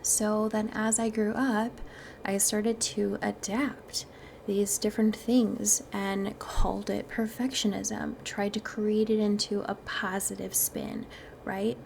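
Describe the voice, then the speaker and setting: A woman from Wisconsin hosts a self-help podcast, speaking straight to her audience in a chatty, earnest, playful way with a Wisconsin accent. Her mid-range voice is level, slow, a little mellow and touched with vocal fry, and the recording carries a little hiss or hum.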